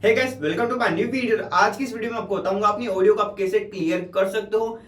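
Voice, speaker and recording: A man's voice: high-pitched, fairly even intonation, a little fast, a bit bright, faint music behind. A man greets his viewers at the start of a tech video, his voice run through AI speech enhancement that leaves a bubbly, underwater-sounding gurgle. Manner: friendly, direct address to viewers. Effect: bubbly underwater-sounding artifacts from AI speech enhancement. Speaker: tech YouTuber. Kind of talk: casual video intro.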